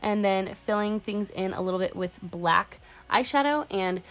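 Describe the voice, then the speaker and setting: A young woman with a cold, in her twenties, gives a chatty makeup tutorial voice-over as a beauty vlogger, frequently saying "like." She speaks in a mid-range voice at normal speed, and faint music sits in the background.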